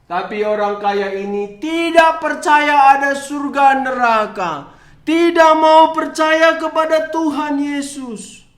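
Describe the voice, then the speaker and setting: A man tells children a Bible story, emphatic and drawing them in with questions. His voice is very high and unhurried. The recording carries a strong room echo. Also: a bit bright.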